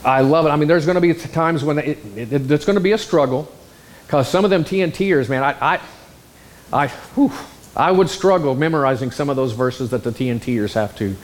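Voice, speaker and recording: Animated preacher, a man with a higher voice. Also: fairly quick. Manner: animated, exclamatory storyteller. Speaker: pastor. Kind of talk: sermon with storytelling.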